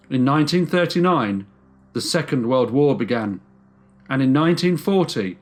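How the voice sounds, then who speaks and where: A man hosting a true crime channel, telling a case as a measured scripted narration with slow emphatic stresses. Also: medium pitch.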